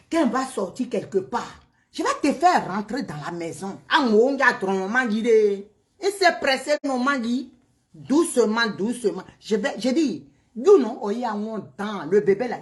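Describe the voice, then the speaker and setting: High-pitched woman, heated mocking vlog rant with sharp loud-to-quiet swings. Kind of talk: heated direct-to-camera rant.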